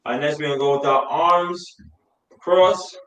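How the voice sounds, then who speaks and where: A man coaching like an aerobics instructor, counting reps, calling out exercises and shouting encouragement. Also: on the high side, steady tone, moderate pace. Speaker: fitness coach. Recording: echoey room, distant mic, faint noise.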